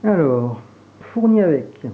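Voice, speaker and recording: A man's voice: on the high side, slow. Man, Franche-Comté French accent, casual reviewer, hesitant with fillers, narrow phone-like sound. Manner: relaxed, hesitant, many fillers while handling gear. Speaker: airsoft reviewer. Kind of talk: casual product unboxing and demo. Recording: tinny phone-like sound, faint hiss.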